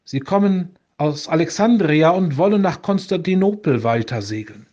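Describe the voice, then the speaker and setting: A man reading a hungry young boy, earnest, pleading, storybook legend, slightly high voice, muffled sound. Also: lively intonation, moderate pace, a little mellow.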